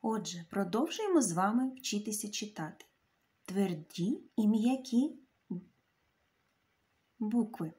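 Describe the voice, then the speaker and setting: A woman's voice: medium pitch, expressive, takes it slowly, pauses often, mellow. A woman teacher giving a children's reading lesson, carefully sounding out letters and syllables and addressing the children directly.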